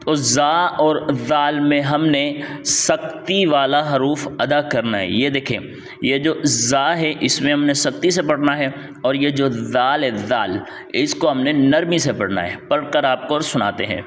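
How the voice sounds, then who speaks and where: A man teaching Quran letter reading, drawing out each syllable in a slow chant, then explaining quickly and repeating sounds patiently. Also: medium pitch, a bit bright, long reverb tail. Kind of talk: step-by-step recitation lesson.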